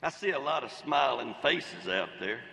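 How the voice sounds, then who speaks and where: A man's voice: medium pitch, lively intonation, normal speed, creaky, background noise. An older man giving a folksy commencement speech at a podium, telling anecdotes. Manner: folksy, storytelling, Southern phrasing. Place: large outdoor commencement ceremony. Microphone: podium microphone. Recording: echoey reverberant venue sound.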